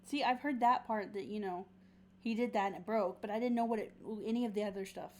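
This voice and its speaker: A young adult woman co-hosts a podcast in a fast, mid-range voice. She chats casually, asking her co-host questions and steering the conversation.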